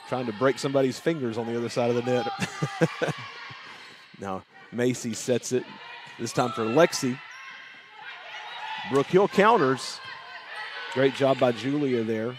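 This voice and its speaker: A man calling a volleyball match play by play in a middle pitch. He gets excitable and shouts on big rallies. The broadcast has clear background noise. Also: measured pace. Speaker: play-by-play announcer. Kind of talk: sports commentary.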